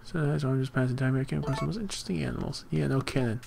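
A man giving casual, jokey gameplay commentary, animated and often yelping in surprise. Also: mid-range voice, very fast, gravelly, background noise. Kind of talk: casual let's-play commentary. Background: game music.

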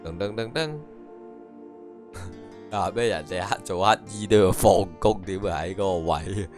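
香港男實況主，講得慢吞吞，邊翻譯對白邊抽水. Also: male voice, low-pitched, fairly even intonation, a little slow. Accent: Hong Kong Cantonese. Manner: dry, mocking running commentary and translation of dialogue. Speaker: game streamer. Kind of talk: casual gameplay commentary. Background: faint game music.

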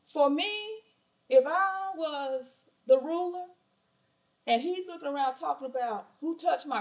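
Middle-aged Southern woman preacher, fairly high voice, pulpit mic in a church, emphatic and repetitive. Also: low-quality recording. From southern United States. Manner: animated preaching with rhetorical questions and emphatic repetition. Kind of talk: sermon. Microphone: pulpit microphone.

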